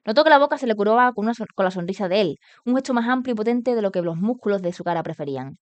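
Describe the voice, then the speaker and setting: A woman's voice: medium pitch, rapid-fire, dry recording. A woman with a Spain Spanish accent hosting a book club stream. She reads a novel aloud, fixes her own slips and drops into slangy asides. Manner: slangy and laughing in asides, steady when reading, corrects her own slips. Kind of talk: reading a novel aloud on a livestream, with casual asides. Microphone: streaming mic.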